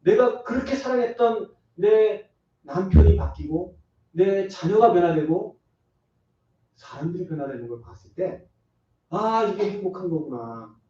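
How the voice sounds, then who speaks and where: In a church sanctuary, a male pastor gives an earnest and emphatic sermon, dramatizing brief quoted conversations as he speaks. His voice is high and mellow, and the recording sounds dull and distant, echoing through the church hall.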